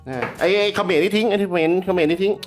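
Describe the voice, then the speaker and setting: A man hosting a casual vlog from around a house, excitable and joking, swearing freely and talking straight to his viewers. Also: high voice, quick pace, loud music behind the voice. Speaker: YouTube host.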